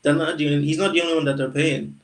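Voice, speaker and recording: Brief: male podcast co-host, higher voice, slangy and blunt, slightly off-mic. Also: little pitch movement, racing, distant mic, slight background noise, rough recording. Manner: direct, argumentative, with casual slang. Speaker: podcast co-host, Liverpool fan. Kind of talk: casual football chat.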